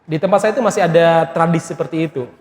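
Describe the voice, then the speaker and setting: A man from Indonesia's Malay region giving a sermon as a preacher, telling stories in a lively way with friendly asides to the congregation. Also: fairly high pitch, racing. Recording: echoey hall with long reverb.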